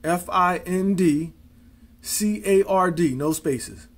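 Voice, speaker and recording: A man's voice: high-pitched, takes it slowly. A man casually demonstrating card tricks, counting cards aloud in easygoing, folksy showman patter.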